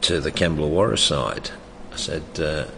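An older former soccer coach with a loud, creaky bass voice speaks expressively at a moderate pace during a reflective oral history interview. He's hesitant, restarting sentences many times and chuckling along the way. Long reverb and faint background noise fill the recording.

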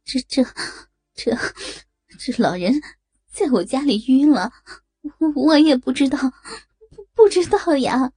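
A woman's voice: high-pitched, slow, pauses often, dark tone, no room sound, pitched above the performer's own voice. A woman voicing a panicked middle-aged woman who sobs and stammers as she pleads. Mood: panicked crying. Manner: sobbing, stammering pleas.

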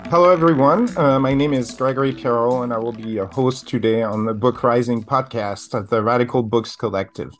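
Male podcast host, formal and measured, hesitant fillers between phrases. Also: medium pitch. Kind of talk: interview hosting.

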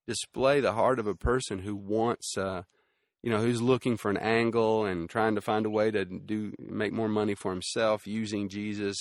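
A man's voice: lowish voice, no room sound, clean studio sound. A man preaching a sermon in a conversational teaching style, with fillers and restarts and emphatic repetition.

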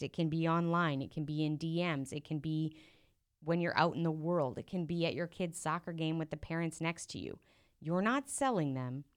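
A woman's voice: sits low, clean tone. A woman hosting her own podcast as a business coach, talking straight to listeners in a direct, encouraging way and often asking rhetorical questions. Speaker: podcast host and profit coach. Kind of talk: solo podcast coaching talk.

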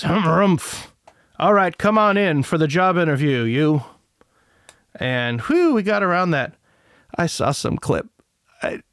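Man, podcast host, rambling and swearing, unhurried, clear voice, dry sound. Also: fairly high pitch, dry recording. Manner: profane, rambling, opinionated. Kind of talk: casual monologue.

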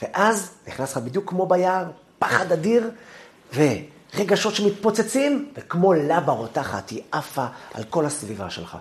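A man, a rabbi, giving a Torah lesson who acts out angry inner voices and lets his phrase ends sink low and soft. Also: big pitch swings. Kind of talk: Torah lesson on the weekly portion.

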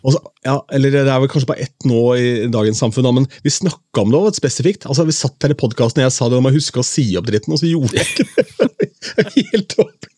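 A man's voice: mid-range voice, few pauses, dark tone, no echo, clean studio sound. A man co-hosting a podcast, talking casually in a wry, teasing way. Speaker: podcast co-host. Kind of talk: casual chat.

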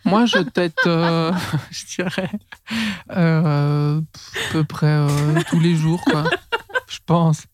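A man's voice: on the high side, fairly even intonation, slow, dry recording. A man co-hosting a casual chat, throwing in dry wisecracks and hesitating with fillers.

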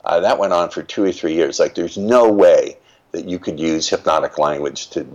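A man's voice: low-pitched, normal speed, a little mellow, dull audio. An older man, a guest in an interview, telling stories from his life in a reflective, emphatic way. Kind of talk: reflective storytelling.

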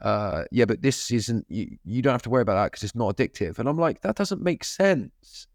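A man's voice: on the low side, expressive, fast talker, no echo, clean studio sound. A man hosting a podcast, chatting casually and easily with plenty of fillers. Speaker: podcast host. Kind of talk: casual chat.

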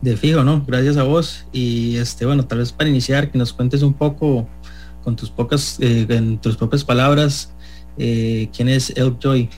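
Man, medium pitch, chatty radio host, faint music behind. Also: steady tone, darkish tone. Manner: quick, chatty, with "este" fillers. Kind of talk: casual radio interview.

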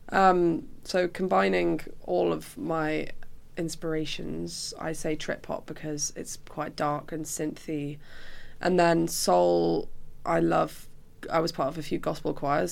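A young woman from Cumbria, England, a musician appearing as an interview guest, chats casually and informally in a British accent. Her voice is low-pitched and creaky.

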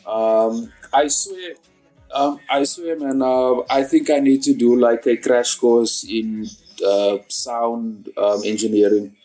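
Male podcast host on an echoey call app, mellow voice, halting and rambling. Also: mid-range voice, fairly even intonation, faint music behind. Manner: halting, rambling, many restarts. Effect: echo on his voice from a call app. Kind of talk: casual interview chat. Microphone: online call app.

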